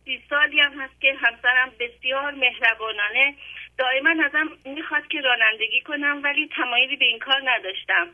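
A woman calling in to a program, speaking politely and formally with heartfelt thanks. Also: sits high. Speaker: caller. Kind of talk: phone-in call. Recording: dull lo-fi phone line.

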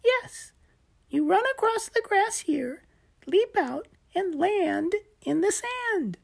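A woman doing a squeaky, chirpy little gecko. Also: lively intonation, takes it slowly, vocal fry, exaggerated voice. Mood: encouraging. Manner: chirpy and encouraging. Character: eager cheerful little male gecko coach.

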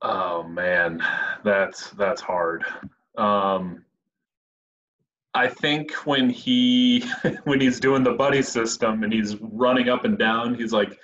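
A man's voice: on the low side, flat delivery, takes it slowly, fairly bright tone. A man as a podcast guest, chatting casually about a movie and animatedly acting out quotes. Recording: dull lo-fi sound.

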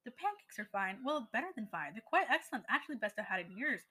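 A brisk young woman who scolds and sounds exasperated, read aloud by a woman narrator. The tone is bright and fairly high. It is a storybook reading. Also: big pitch swings, slightly rough, exaggerated voice, poor audio.

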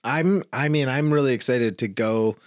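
A man's voice: medium pitch, moderate pace, dry recording, clean studio sound. A man co-hosting a podcast, chatting casually and often stumbling over his words. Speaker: podcast co-host. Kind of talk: casual chat.

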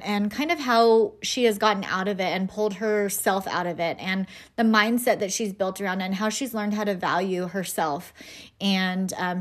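Podcast host: woman, average pitch, relaxed conversational style, friendly and informal. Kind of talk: casual conversational hosting.

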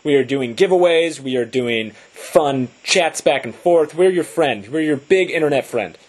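A man co-hosting a casual gaming podcast. His voice sits a bit high and sounds husky. He talks in a loose, joking, upbeat way. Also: expressive, normal speed. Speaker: podcast co-host.

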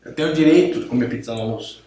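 A man's voice: medium pitch, rapid-fire, mellow. A man co-hosting a podcast, teasing his partner in an exasperated, mock-dramatic way. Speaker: podcast co-host. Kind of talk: casual podcast banter. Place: podcast recording room. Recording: very echoey room.

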